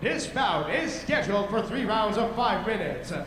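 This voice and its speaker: A man working as a bilingual ring announcer, hyping the fight like a brash promoter with drawn-out introductions. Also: sits high, big pitch swings. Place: large indoor fight arena. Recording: echoing arena PA, loud crowd noise. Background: crowd.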